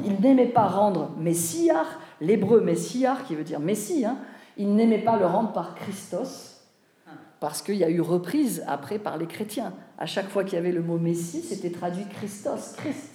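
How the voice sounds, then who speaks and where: Before a live audience, a woman with a mid-range, dark-toned voice teaches about Bible translation. She speaks conversationally, frequently turning to listeners with questions and quick checks, and the recording has a roomy echo.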